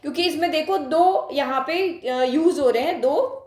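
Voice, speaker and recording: A woman math teacher with a high voice, recorded in an echoey room. She talks straight to her students, puts questions to them and repeats each point for emphasis. Her tone stays patient as she walks through the steps. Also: normal speed, a little mellow. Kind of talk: classroom lesson explaining on a board.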